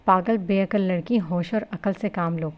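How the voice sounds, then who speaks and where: A woman's voice: lowish voice, steady tone, close to an everyday voice. A woman doing a cold, bossy young husband. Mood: exasperated. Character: blunt young husband, sharp-tongued and cold. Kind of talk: novel reading with character voices.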